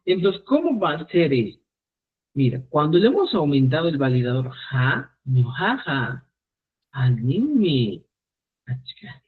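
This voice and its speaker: Animated, husky man teaching over a phone-like line. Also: on the high side. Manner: animated, repeats phrases slowly for students. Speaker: Quechua teacher. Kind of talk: live online class. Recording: phone-like narrow sound.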